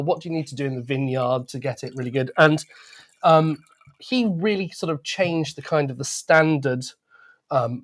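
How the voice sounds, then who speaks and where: A man with a mid-range voice talks about wine. He is conversational and enthusiastic, explaining in detail as a club speaker. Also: medium pitch.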